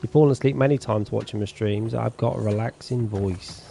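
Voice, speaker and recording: Faint music runs behind a man whose fairly low, creaky voice moves a little quickly. He's streaming a farming game and chatting easily with viewers, voicing their chat messages as he goes.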